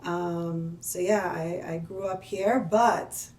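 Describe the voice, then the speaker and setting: An Israeli woman, a business owner appearing as a podcast guest, talks in a chatty, self-deprecating way and laughs easily during a casual conversational interview. Her voice is on the low side and a little mellow, with fairly even intonation and a slow pace. The recording sounds roomy and distant from the mic.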